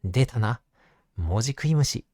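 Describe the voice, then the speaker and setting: A man's voice: mid-range voice, animated, unhurried, a little mellow, dry recording, clean studio sound. A man voicing a stern male teacher and bug expert from a children's storybook, rallying his class with commands. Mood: commanding.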